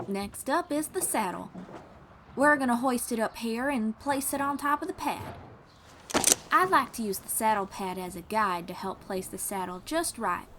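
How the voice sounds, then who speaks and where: In an audio roleplay, a woman plays a kind, patient young bard who teaches the listener in an encouraging, folksy way. Her voice is a little high and expressive, her pace moderate, and her acting light against a noisy background.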